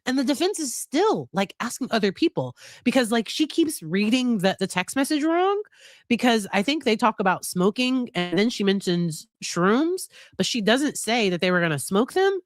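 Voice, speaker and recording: A middle-aged woman psychologist hosts a live stream in a slightly high, sing-song voice at normal speed, a bit nasal from a cold. She chats casually but hesitantly, hedging, laughing and often restarting, with clean studio sound and no echo.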